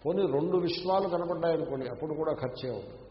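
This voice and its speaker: A man with a Telugu accent giving a Vedanta discourse in an ashram hall. He explains by asking his listeners questions and chants Sanskrit verses slowly. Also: on the high side. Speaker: Vedanta teacher. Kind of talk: scriptural discourse. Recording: muffled, echoey hall recording.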